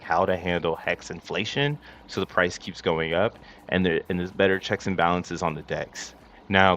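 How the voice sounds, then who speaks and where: A deep-voiced man talks like a crypto bro, pitching coins to a live chat in loose slang with bold, drawn-out emphasis. The sound is dull and lo-fi, with faint noise behind him. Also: a bit bright. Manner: crypto bro hype talk, slangy and boastful. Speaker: livestream host.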